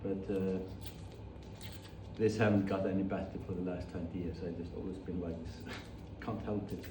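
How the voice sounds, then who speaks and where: A man's voice: low-pitched, steady tone, moderate pace. Rambling man from iceland in an echoey studio. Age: 40s. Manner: rambling, self-correcting, chatty. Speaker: painter demonstrating his materials. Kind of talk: casual studio chat. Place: painting studio. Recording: very echoey studio, distant mic, clear background noise.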